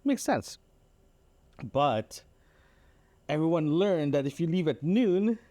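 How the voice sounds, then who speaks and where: This podcast host is a man from Canada whose voice sits a little high and sounds mellow on a dry recording. In his laid-back audio diary he wanders through everyday tales, repeating himself with mild exasperation and frequently addressing the listener.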